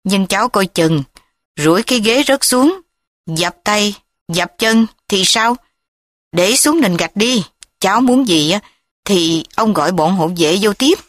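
A woman's voice: medium pitch, animated, a little slow, no echo, natural voice. A woman voicing an anxious old grandfather pleading with his grandson.

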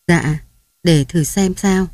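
A woman reading the part of a young mother, helpless and meek, talking softly and hesitantly. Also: fairly low pitch, slow pace, no echo, studio quality. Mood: tearful.

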